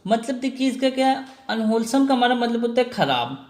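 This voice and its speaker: A man's voice: very high voice, big pitch swings, fairly quick, darkish tone. A man teaching an exam vocabulary lesson, spelling words out letter by letter and answering his own questions. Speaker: English teacher. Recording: echoey room.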